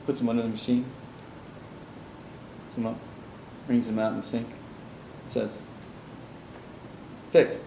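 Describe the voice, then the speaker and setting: A man with a medium-pitched voice tells his life story in an interview, meandering through asides and restarts and acting out the people he quotes. The recording is rough and roomy, with slight background noise.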